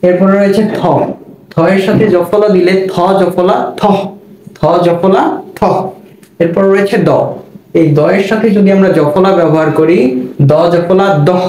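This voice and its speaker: This Bengali language teacher has a high, dark-toned voice and a steady, unhurried delivery. He leads a spelling and pronunciation lesson, repeating each sound twice and putting questions to the listener, in a roomy recording with faint background noise.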